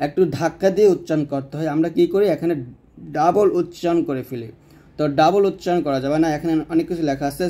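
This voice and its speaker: A man gives a slow, repetitive Quran reading lesson, breaking letters and vowel marks down syllable by syllable. Toward the end of each sentence his voice gets lower and quieter.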